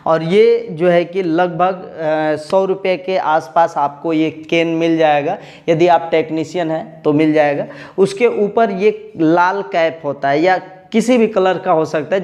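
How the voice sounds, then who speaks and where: A man's voice: a little high, unhurried, darkish tone, muffled recording. Man teaching AC pipe welding. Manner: explanatory, speaks directly to students. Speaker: AC repair instructor. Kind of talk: tutorial lesson.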